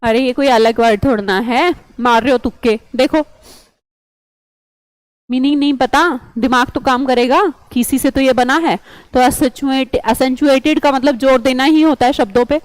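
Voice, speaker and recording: A woman's voice: high-pitched, steady tone, normal speed, no room sound, low-quality recording. A woman teaching an online vocabulary lesson, chatty and coaxing, quizzing students with memory tricks.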